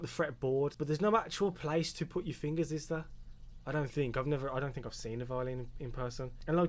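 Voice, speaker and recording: A young British man hosting a casual music reaction video, excitable and slangy, with sudden loud exclamations. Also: mid-range voice. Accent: British English.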